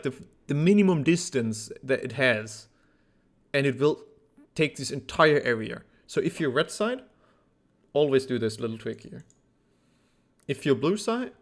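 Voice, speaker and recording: A man coaching a player through a game replay in a blunt, teasing way, a little out of breath. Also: mid-range voice. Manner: blunt, teasing, thinks aloud with fillers. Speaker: esports coach. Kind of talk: casual game replay review.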